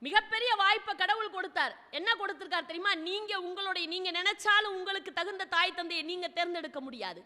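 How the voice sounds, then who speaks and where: A woman's voice: very high voice, fast talker, few pauses, sharp tone. A woman devotional speaker telling a sacred story dramatically, often speaking as its hero in the first person and posing rhetorical questions to her audience. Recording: long hall reverb.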